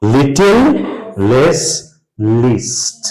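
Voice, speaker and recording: A man's voice: mid-range voice, big pitch swings, drawn-out words, darkish tone. A male teacher, quizzing his students through a grammar lesson and drilling spellings aloud. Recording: roomy echo.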